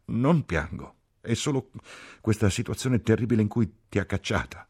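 A man's voice: rumbling low, lively intonation, brisk, darkish tone, slightly rough, no room sound, clean studio sound, full character voice. A man voicing a distraught, reproachful woman nurse in an audiobook reading. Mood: tearful, distraught. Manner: reproachful, tearful outbursts.

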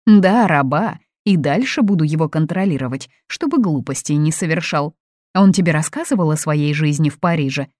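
A woman reading an audiobook, voicing a domineering, controlling middle-aged mother who talks loud and imperious. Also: deep voice, lively intonation, moderate pace, dry recording, studio quality.

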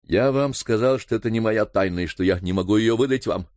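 A man's voice: lowish voice, a little fast, darkish tone, dry recording, lightly acted. A man reading an audiobook voices a nervous, evasive male butler.

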